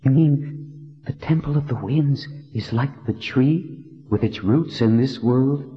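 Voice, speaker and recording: A man's voice: mid-range voice, takes it slowly, in a large hall, muffled recording, soft background music, voice pushed up, natural voice. A man voicing an earnest young woman who presses with urgent, incredulous questions.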